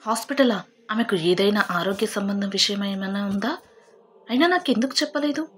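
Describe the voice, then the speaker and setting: A woman's voice: medium pitch, fairly quick, slightly rough, natural voice. A woman voicing a suspicious, proud young husband in a storybook narration, pressing with indignant questions. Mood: agitated.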